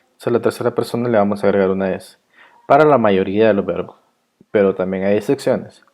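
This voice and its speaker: A male teacher with a lowish, mellow voice walks through a grammar lesson. He takes his time and repeats each rule and example with patience. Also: fairly even intonation, fast talker. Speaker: English teacher. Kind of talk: grammar lesson explained in Spanish.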